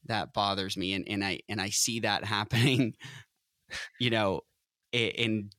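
Man in his 30s, bright tone, dry close sound; rambling podcast co-host who restarts his sentences and laughs a lot. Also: fairly low pitch, steady tone, unhurried, dry recording. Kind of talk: casual chat.

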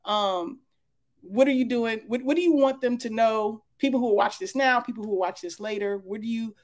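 A woman's voice: fairly high pitch, a little fast. A woman hosting a live interview, prompting her guest with encouraging questions. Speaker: host.

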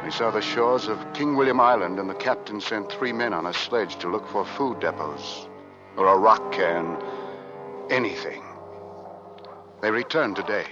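A man's voice: on the low side, a little slow, highs cut off, music in the background, close to an everyday voice. An actor playing a young sailor who narrates his Arctic ordeal in an earnest, grave manner, in old-time radio drama style. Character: young male sailor stranded on Arctic ice, steady and grave.

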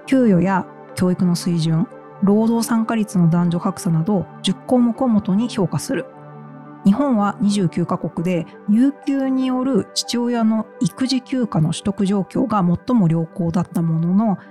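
A woman with a mellow, relaxed voice at a medium pitch hosts a podcast, moving between scripted introductions and news summaries. Light music plays behind her. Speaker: podcast host. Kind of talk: hosting, reading news summaries and chatting.

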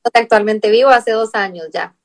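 A young adult Costa Rican woman with a mid-range voice speaks at a moderate pace, faint music playing behind her. She's a nutritionist guest in a conversational interview, explaining things patiently in a Costa Rican Spanish accent and often tacking a rhetorical "¿verdad?" onto her sentences.

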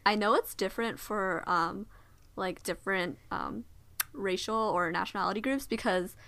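Guiding a casual chat among friends, a young adult woman tells a memory in a reflective, chatty manner and asks follow-up questions as discussion leader. She speaks at a moderate pace in a medium-pitched voice that is creaky and a bit bright.

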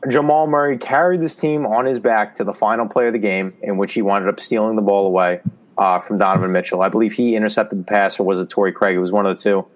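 A man co-hosting a casual sports podcast, talking excitedly and often repeating his own phrases. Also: fairly low pitch, fast. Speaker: podcast co-host.

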